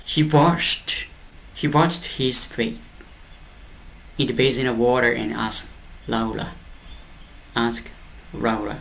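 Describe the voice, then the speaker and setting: A man's voice: mid-range voice, a bit bright. Lao-accented male teacher explaining translations. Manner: explains slowly, reads English lines aloud and repeats words. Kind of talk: translating an English storybook in a lesson.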